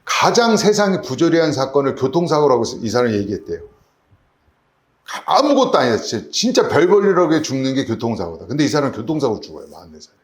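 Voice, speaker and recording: A man's voice: medium pitch, very animated, fast talker, echoey room. A man preaching a sermon as pastor, asking his congregation rhetorical questions. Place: church sanctuary.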